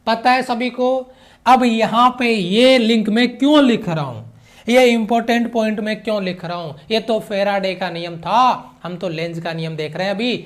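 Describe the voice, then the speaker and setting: A man with a rather high voice teaches physics in an online class. He repeats key phrases, slips English technical terms into his explanation and keeps asking his students whether it is clear so far. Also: normal speed.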